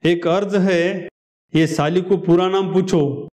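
A man putting on an insolent drunken rowdy, taunting in a slow, lazy drawl. The voice sits high for a man. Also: fairly even intonation, darkish tone. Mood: mocking.

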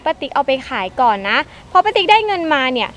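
A woman's voice: high voice, sing-song, fast talker, slight background noise. A woman playing a wheedling young schemer coaxing an aunt in a short film. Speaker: persuasive schemer.

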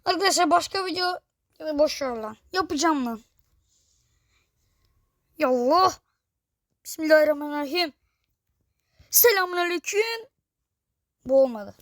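A woman giving excitable, exasperated gameplay commentary for her channel, swearing in jest and talking to her viewers. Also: high voice, a little slow, pauses often, no room sound, studio quality. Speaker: gaming video creator.

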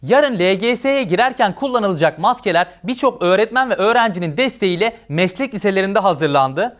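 Man, news anchor, high voice, fast delivery, upbeat, encouraging. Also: lively intonation. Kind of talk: scripted news presenting.

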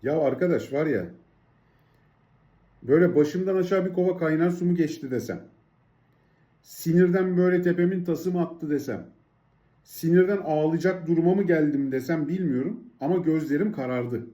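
A man's voice: fairly high pitch, normal speed, mellow, muffled recording. A man from Turkey telling a frustrating story to camera in a worked-up vlog rant, constantly breaking in with "I said" and "she said". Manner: worked-up, keeps inserting "I said" and "she said". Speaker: vlogger living abroad. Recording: echoey room.

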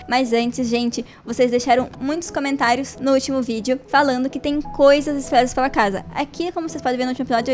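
A young Brazilian woman chatting playfully through a Minecraft let's play, talking to viewers and game characters with sudden high squeals. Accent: Brazilian Portuguese. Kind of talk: casual gameplay commentary.

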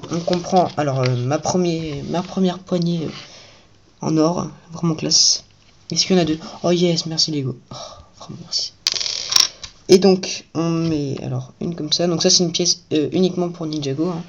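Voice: mid-range voice, fairly even intonation, normal speed, dull audio, background noise. A toy reviewer giving casual commentary while building a set at home at night, chatty and repeating the same praise.

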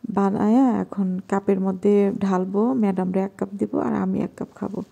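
Casting a Bangladeshi woman vlogger with a hushed night-time kitchen voice, very warm and dark. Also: medium pitch, flat delivery, a little fast, gravelly, slightly rough. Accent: Bangladeshi Bengali. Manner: talking softly and quietly at night. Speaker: vlogger cooking at home. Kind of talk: casual cooking vlog narration.

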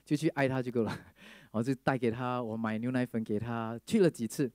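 A man preaching a sermon, telling a testimony in a lively storytelling manner, acting out the people he quotes and mixing English phrases into Mandarin. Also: mid-range voice, brisk, no echo, studio quality.

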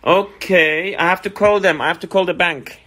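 A man's voice: high voice, normal speed, fairly bright tone. A man on a phone call who sounds naive and compliant, hesitant and apologetic, repeating things back. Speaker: scambaiter playing along with a phone scammer.

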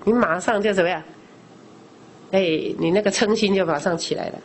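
This Buddhist class is taught by a woman lay teacher whose mid-range voice moves a little fast, with a slight hiss or hum in the recording. Her teaching is conversational, full of discourse particles, as she puts questions to the listeners and answers them herself.

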